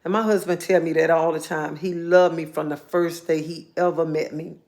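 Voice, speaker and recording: A woman's voice: low voice, fairly even intonation, moderate pace, darkish tone. Earnest woman telling heartfelt stories. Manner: earnest, heartfelt storytelling with repetition. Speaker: live streamer. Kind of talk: casual live-stream monologue.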